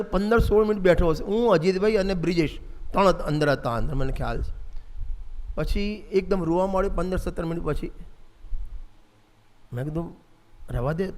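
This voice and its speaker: Older Gujarati preacher, fairly high voice, storytelling sermon in a reverberant hall. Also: male voice. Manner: storytelling, addresses listeners by name. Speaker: Jain preacher. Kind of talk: devotional sermon.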